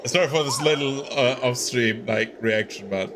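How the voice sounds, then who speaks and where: A man's voice: mid-range voice, normal speed, noisy background. A man streaming casually, reacting to a film with lots of laughter and swearing. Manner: excitable, laughs often, swears a lot.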